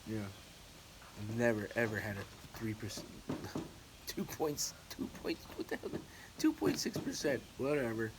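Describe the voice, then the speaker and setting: A man's voice: mid-range voice, huge pitch swings, unhurried. A man chatting casually to his viewers in a rambling, repetitive, hesitant way, like a home-brew vlogger. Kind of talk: casual rambling vlog chat. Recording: noisy recording with clicks.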